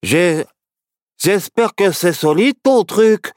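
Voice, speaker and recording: A woman's voice: lowish voice, expressive, takes it slowly, a little mellow, dry recording, studio quality, pitched above the performer's own voice. A woman voicing a handy young boy in a storybook who stammers and hesitates. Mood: hesitant.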